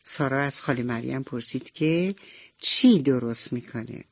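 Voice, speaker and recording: A woman narrating a radio bedtime story, speaking directly and warmly to the children listening. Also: very deep voice. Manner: warm, addresses children directly. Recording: slightly dull radio recording, soft music behind.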